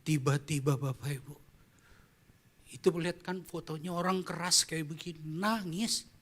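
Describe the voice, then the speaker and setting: A man's voice: on the high side, steady tone, moderate pace, a bit bright. A man who is a pastor, preaching a storytelling sermon at a church service in a conversational way and asking the congregation questions.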